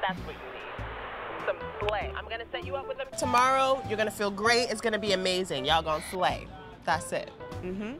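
Actress as a supportive friend, reassuring, mid pitch, music playing behind. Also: female voice, brisk, lightly acted. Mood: upbeat. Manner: reassuring, laughs often, uses like. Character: encouraging supportive woman friend. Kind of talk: web series acting.

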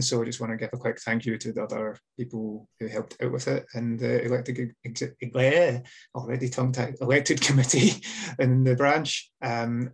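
A young adult man with a Scottish accent presenting a workshop informally and with some self-awareness, as a union officer on a video call. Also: mid-range voice. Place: indoor room, video call with webcam.

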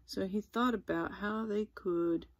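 A woman reading a children's picture book aloud as a teacher's circle-time video, pausing for little asides to her viewers. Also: medium pitch, dull audio, a little hiss or hum. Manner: gentle, lively, with asides to viewers. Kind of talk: storybook read-aloud for children.

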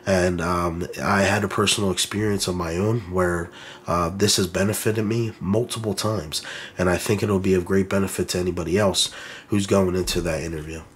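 A man's voice: low-pitched, fairly even intonation, moderate pace. A man with a congested, nasal sound from a cold, giving casual, encouraging career advice straight to camera, with frequent ums and uhs.

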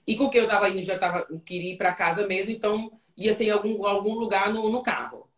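A woman guest in an interview speaks fast in a medium-pitched, fairly even voice, recorded with roomy echo. She tells a story casually and vividly, using fillers and often checking whether the listener follows with "entendeu?".

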